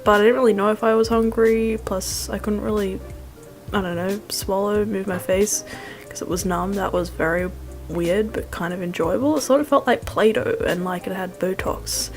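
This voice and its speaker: A woman's voice: medium pitch, steady tone, moderate pace. A young woman doing a casual vlog voice-over in a rambling, wry, self-deprecating way with slangy phrasing. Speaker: food vlogger. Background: music.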